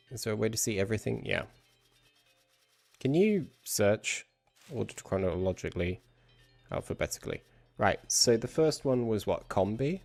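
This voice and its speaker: A man's voice: fairly low pitch, gravelly. A man streaming a video game, thinking aloud in casual commentary as he plays. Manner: thinking aloud, muttering to himself.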